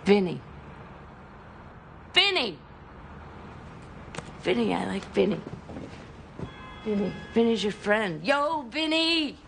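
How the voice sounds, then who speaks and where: A woman's voice: mid-range voice, big pitch swings, takes it slowly, creaky, long pauses, a bit bright, exaggerated voice. Casting: a drunk, bitter ex-addict woman, slurring and taunting, faint room noise. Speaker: character in a TV drama. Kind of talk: TV drama acting.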